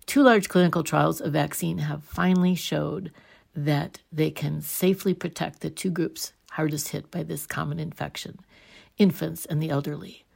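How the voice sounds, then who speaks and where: A woman's voice: deep voice, gravelly, a little mellow, breathy edge. An American woman hosting a science show, reading scripted news narration. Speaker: science show host and volunteer reporter.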